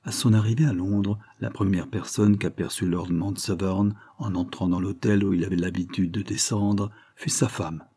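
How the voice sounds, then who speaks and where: A man narrating a classic novel in an even, literary reading style. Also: sits low, normal speed, few pauses, slightly rough. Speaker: audiobook narrator.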